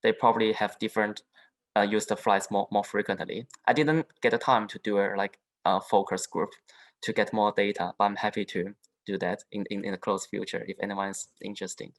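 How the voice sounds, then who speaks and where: A young man from southern China, a native Chinese speaker, giving a halting panel talk as an international student, with frequent restarts and fillers. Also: lowish voice, flat delivery, rough recording. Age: young adult. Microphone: video call.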